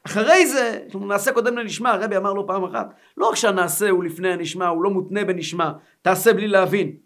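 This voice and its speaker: A middle-aged man, a rabbi giving a Torah lesson, animated and acting out stories as he teaches. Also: high voice.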